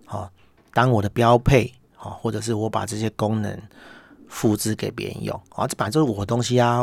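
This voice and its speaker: Wry Taiwanese man, gravelly low voice. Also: no echo. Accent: Taiwanese Mandarin. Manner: chatty, peppers speech with "hor" tags; wry, exasperated storytelling. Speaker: podcast host, business owner. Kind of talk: casual monologue.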